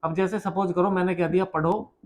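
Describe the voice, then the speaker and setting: A man's voice: high voice, little pitch movement, fairly quick, a little mellow. A man teaching a grammar lesson for exam preparation, explaining with rhetorical questions and repeating key terms. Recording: dull lo-fi sound.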